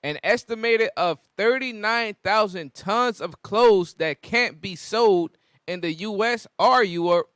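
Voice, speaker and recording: High-voiced man reading aloud. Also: fairly bright tone, clear, resonant tone, dry recording, studio quality. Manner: halting reader, stumbles over words. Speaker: article reader on a group discussion show. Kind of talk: reading news aloud with casual remarks.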